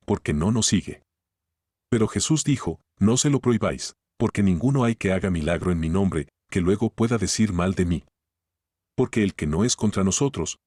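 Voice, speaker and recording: A man reading the Bible aloud in a steady, measured way, phrase by phrase. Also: low-pitched, dry recording, studio quality. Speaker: Bible reader.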